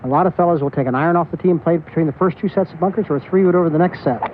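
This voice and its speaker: A man's voice: fairly high pitch, very fast. A man giving conversational golf commentary as an analyst on live coverage. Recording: tinny, noisy outdoor TV broadcast.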